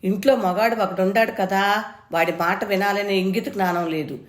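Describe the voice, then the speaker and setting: A woman's voice: mid-range voice, steady tone, normal speed, natural voice. Bullying grown son, pushy and scornful, as a woman storyteller puts him on, raised and strained, in a roomy space. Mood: angry. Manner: mocking, pushy, loud. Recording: roomy echo.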